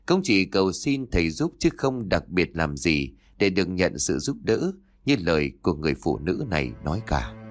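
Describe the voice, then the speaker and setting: A man narrating a first-person spooky story in a measured, expressive way. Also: deep voice.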